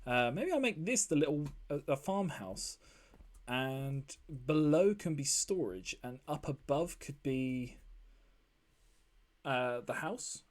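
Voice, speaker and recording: A man's voice: fairly high pitch, expressive, slow pace. Chatty man rambling over gameplay. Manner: rambling, chatty, lots of ums and fillers. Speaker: let's play host. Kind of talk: casual gameplay commentary.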